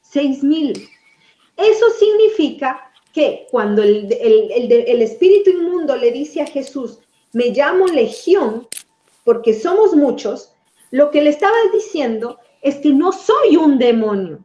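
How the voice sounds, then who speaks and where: A woman preacher teaching from the Bible in a lively, conversational way, asking her audience questions. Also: high voice, unhurried, reverberant, dull audio.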